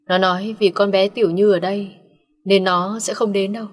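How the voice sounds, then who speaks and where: A woman's voice: mid-range voice, flat delivery, normal speed, natural voice. A woman voicing an elderly father over sixty who demands answers urgently and sternly. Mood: agitated. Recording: long reverb.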